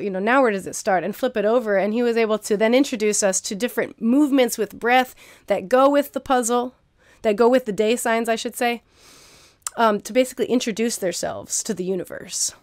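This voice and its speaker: A woman's voice: on the high side, brisk, no echo, studio quality. A young woman giving a recorded keynote as a garden teacher, earnest and encouraging, often repeating phrases for emphasis. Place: indoor room at home, video recording.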